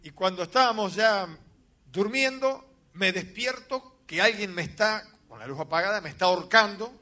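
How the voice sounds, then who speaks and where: A man, a pastor telling a dramatic story in a sermon with sudden loud outbursts. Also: high voice, normal speed.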